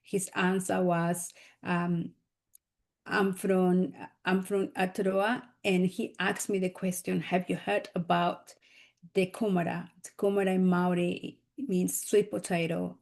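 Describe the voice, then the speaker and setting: A woman's voice: on the low side, creaky, a little mellow. Peruvian woman author giving a talk. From Peru. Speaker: guest speaker, author. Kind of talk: academic talk.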